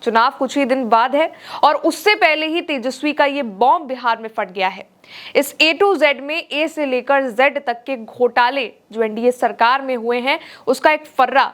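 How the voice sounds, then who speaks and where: A woman's voice: high voice, fairly bright tone. A woman presenting scripted political news narration in an emphatic, dramatic way.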